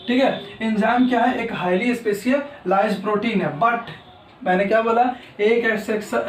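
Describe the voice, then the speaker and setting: A man lectures from some distance away in a room that echoes around his voice. His voice sits high for a man. He talks straight to his students and repeats each key term as he writes it on the board. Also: a little hiss or hum. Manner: talks to students directly, repeats key terms while writing. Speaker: teacher. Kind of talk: exam-prep lecture.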